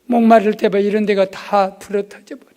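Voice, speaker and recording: A man preaching a revival sermon in a church, dropping to hushed asides and rising to loud exclamations. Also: high-pitched, flat delivery, normal speed. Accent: Korean. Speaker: pastor. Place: church sanctuary.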